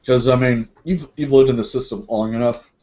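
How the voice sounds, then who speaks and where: A man narrating as game master in a tabletop role-play, relaxed and musing, with many fillers and restarts. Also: mid-range voice, fairly quick. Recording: dull lo-fi group recording.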